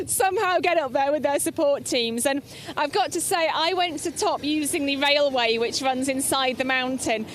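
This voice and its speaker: Chatty high-voiced woman race reporter outdoors. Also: a little hiss or hum. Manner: chatty, upbeat, laughs often. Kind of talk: live trackside commentary. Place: outdoors at a race aid station in the mountains.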